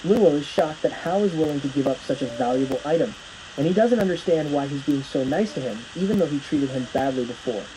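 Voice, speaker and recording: A man's voice: on the high side, warm tone, slight background noise, poor audio. A man narrating a plot recap from a script, telling the story as it unfolds.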